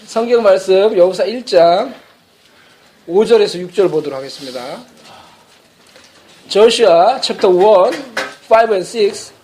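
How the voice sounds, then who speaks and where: A man's voice: high voice, slow, pauses often, darkish tone, a little hiss or hum. A man preaching a sermon as pastor, telling a story playfully and laughing often.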